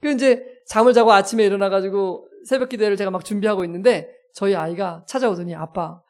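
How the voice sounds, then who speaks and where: A male pastor preaching a sermon as a lively story, acting out scenes and poking fun at himself. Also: high-pitched, fast. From South Korea. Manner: lively, self-mocking storyteller who acts out scenes.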